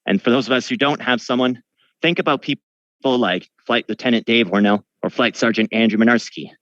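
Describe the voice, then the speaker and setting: A man's voice: medium pitch, fairly quick, fairly bright tone, dry recording, highs cut off. A man guiding a museum tour, earnestly and solemnly retelling a wartime story.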